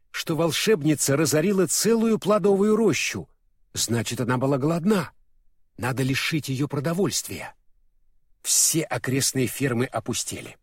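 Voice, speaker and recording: A man narrating a fairy-tale audiobook in an expressive, vivid storytelling manner. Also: medium pitch, husky, dry recording, studio quality.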